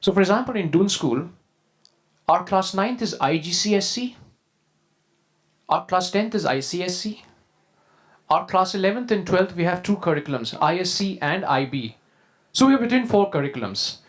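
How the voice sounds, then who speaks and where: A man's voice: sits high, lively intonation, moderate pace, long pauses. Formal Indian man presenting. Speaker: school deputy head, conference speaker. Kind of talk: prepared presentation to an audience.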